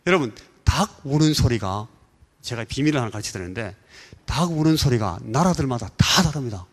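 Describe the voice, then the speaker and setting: A Korean man delivers a Sunday sermon with lively storytelling, now and then imitating rooster crows and the voices of people in the story. His voice sits at an ordinary middle pitch. A long church-hall reverb trails after his words. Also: fairly quick. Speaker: pastor. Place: church sanctuary.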